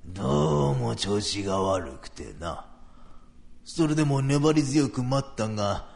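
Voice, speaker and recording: A man voicing a proud, solemn old retired samurai, telling a story slowly and gravely in traditional comic storytelling. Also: mid-range voice, darkish tone, full character voice. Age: older.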